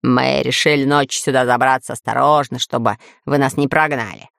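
Woman doing slow gruff pirate man. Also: a bass voice, steady tone, fairly bright tone, no echo, clean studio sound, voice pushed down, exaggerated voice. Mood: sly. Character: red-bearded male pirate, grumbling.

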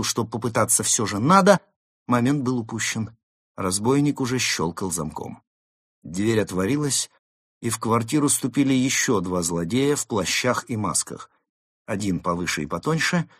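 A man narrating a storybook tale in an expressive, dramatic way. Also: mid-range voice, no echo, studio quality.

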